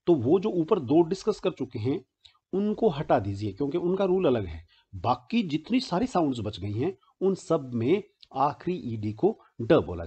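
A man from Haryana in India teaching pronunciation in Hindi, repeating each example word slowly and deliberately. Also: mid-range voice, mellow, slightly rough. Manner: slow, deliberate, repeats example words one by one. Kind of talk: slow spoken grammar lesson. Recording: muffled lo-fi recording.

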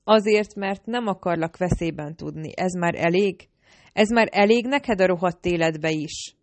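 Egy nő, aki egy hangoskönyvben egy védelmező, parancsolgató, hirtelen haragú fiatal férfit szólaltat meg. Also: female voice, on the low side, darkish tone, no echo, close to an everyday voice. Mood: furious. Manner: commanding, exasperated. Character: protective, bossy young man, quick to anger.

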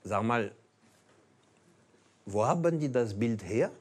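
Male comic, 50s, French accent, playful deadpan teasing, lapel mic on a cabaret stage. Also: mid-range voice, takes it slowly. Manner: playful, mock-naive, teasing. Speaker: comedian and show host. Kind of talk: stand-up monologue and street interviews. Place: small cabaret stage with audience.

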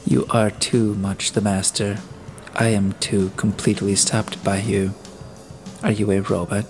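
A man reading the part of a hard-edged, suspicious detective from Earth. He presses with pointed questions and snaps out orders in a low, firm voice. Soft music sits behind. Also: flat delivery, measured pace. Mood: commanding suspicious. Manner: blunt, commanding, probing.

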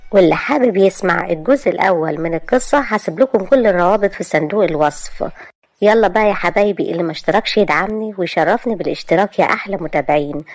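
A woman's voice: fairly low pitch, dry recording. A woman with an Egyptian accent hosting a story channel, greeting listeners chattily and narrating a romance story.

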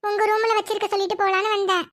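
A woman's voice: very high-pitched, level tone, very fast, fairly bright tone, voice pushed up. A woman voicing an eager, chatty little girl in a cartoon, coaxing and playful.

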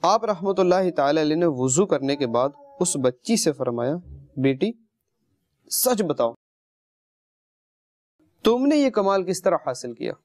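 This religious storyteller, host of a children's show, sits on the carpet with kids in a studio and instructs them through stories and moral lessons, often asking them questions and using pet phrases. He speaks a little high, with big pitch swings, long pauses and a darkish tone, without echo.

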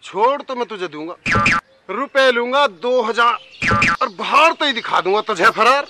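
Brief: man as a blustering village cop, very high voice, comedy skit. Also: animated, normal speed, heavy background noise. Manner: blustering, comic rustic banter. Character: bumbling corrupt village police inspector, man.

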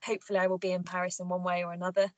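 A woman's voice: lowish voice, monotone, racing, a little hiss or hum. A young woman, a scholarship student and athlete, answering thoughtfully with many ums on a video call from a room at home. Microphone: laptop webcam, video call.

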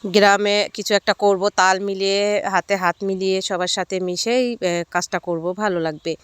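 A woman's voice: medium pitch, steady tone, normal speed, clean tone, no echo. A woman narrating a village vlog to her viewers in a chatty, explaining way. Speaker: vlogger. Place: village fields outdoors.

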